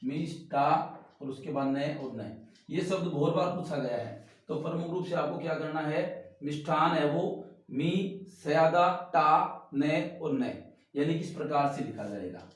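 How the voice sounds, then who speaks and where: A man's voice: a little high, animated, normal speed. A man teaching Hindi spelling to exam students, explaining each word as he writes it on a board. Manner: explains while writing on a board, repeating words. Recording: very echoey room, mic far off.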